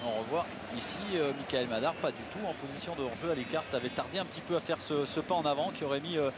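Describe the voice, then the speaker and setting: A man's voice: on the high side, fast talker. A man giving analytical football commentary, hesitating and repeating words as he explains the play. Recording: very noisy stadium broadcast. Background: loud stadium ambience.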